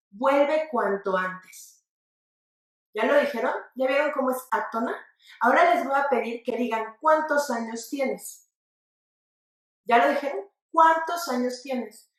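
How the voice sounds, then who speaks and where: A Mexican woman with a high voice gives an online spelling lesson, coaching viewers to say examples aloud. She sounds set back from the microphone in a very echoey room. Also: far from the mic. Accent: Mexican Spanish. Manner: lively, addresses viewers directly, asks them to repeat aloud. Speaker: spelling teacher. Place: studio set with floor manager.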